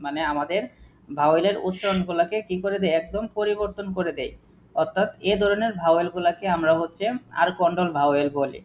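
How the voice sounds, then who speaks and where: A man's voice: high-pitched, fast talker, a little hiss or hum. A man teaching an English phonics lesson, asking the class questions and repeating examples to drill them.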